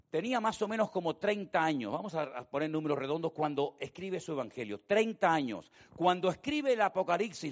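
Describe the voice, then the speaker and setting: A man preaching a sermon, telling the story with hushed and loud turns. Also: on the high side. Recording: dull lo-fi sound.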